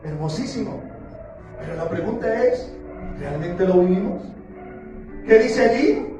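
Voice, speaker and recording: A man preaching a sermon as pastor, playful and questioning, slowing down for emphasis. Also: sits high, expressive, warm tone. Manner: playful, asks the congregation questions, slows down for emphasis. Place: church sanctuary. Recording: very echoey church hall, far from the mic, with music behind.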